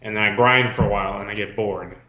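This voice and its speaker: A young man co-hosting a podcast over a video call, teasing and opinionated, quick to jump in. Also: lowish voice, fairly even intonation, echoey room, phone-quality sound. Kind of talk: casual chat.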